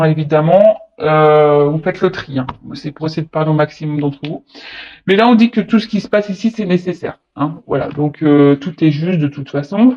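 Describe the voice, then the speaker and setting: A woman's voice: low voice, dark tone, lo-fi sound, a little hiss or hum. A woman giving a casual tarot reading to her viewers, talking hesitantly with many fillers and restarts, chatty and a little teasing. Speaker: tarot card reader.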